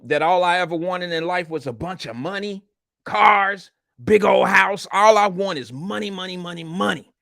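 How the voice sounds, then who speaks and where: A man's voice: a little high, bright, forceful tone, no echo, clean studio sound. A man hosting a casual live show, chatting with viewers in blunt, slangy, profane talk while wearing a retainer in his mouth. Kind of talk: casual livestream chat reading viewer comments.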